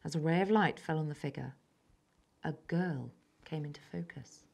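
A schoolgirl of about ten from England, reading aloud her own story with careful, even delivery and soft, breathy moments. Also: sits low, normal speed. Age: child, about 10. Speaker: young story author.

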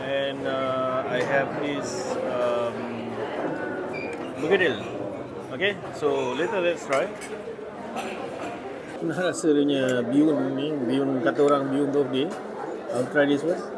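A man's voice: mid-range voice, fairly even intonation, measured pace, long pauses, very noisy. A man in his forties with a Malaysian accent, giving a casual food review, switching between Malay and English and humming as he tastes. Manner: mixes Malay and English, savouring with hums between bites. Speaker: food vlogger. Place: busy indoor cafe. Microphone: phone camera at table. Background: loud diner chatter.

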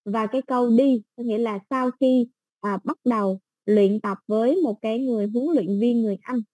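A woman's voice: on the high side, steady tone, a little fast, no echo. Southern Vietnamese woman teaching English. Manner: patient, explains step by step with soft fillers. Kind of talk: casual exam-prep lesson.

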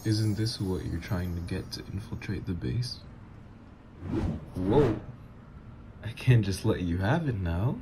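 A voice actor plays a teasing supervillain ex in ASMR roleplay audio, sounding playful and flirtatious. His voice is low and slow with long pauses, over a noisy background.

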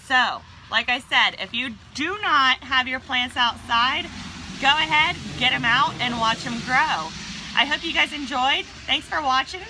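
A woman's voice: high-pitched, measured pace, noisy background. A woman hosting a plant vlog, talking casually and chattily as she walks around outdoors. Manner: chatty and relaxed, with frequent fillers. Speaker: plant vlogger host.

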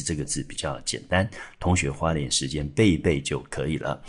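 Male teacher from Taiwan, deep gravelly-husky voice, steady explainer who spells out words. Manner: explains step by step, spells out letters, many filler particles. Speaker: English teacher. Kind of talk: exam-prep vocabulary lesson. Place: school classroom or studio.

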